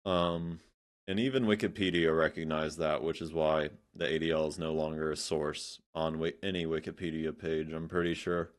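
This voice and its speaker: A man's voice: very deep voice, little pitch movement, moderate pace. A man giving blunt, sarcastic reaction commentary, swearing freely and scattering fillers as he talks. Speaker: commentary streamer.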